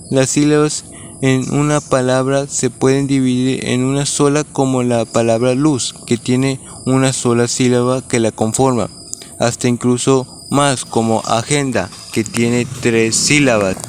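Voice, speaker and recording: A man reading out a school lesson on syllables, with plain delivery and short pauses between examples. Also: medium pitch, fairly even intonation, a little hiss or hum.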